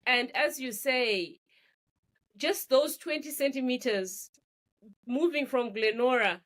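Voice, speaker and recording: Lively, laughing woman author. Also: high voice, slow. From Zimbabwe. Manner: animated, laughs often, repeats words while thinking. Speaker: author guest. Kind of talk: casual interview conversation.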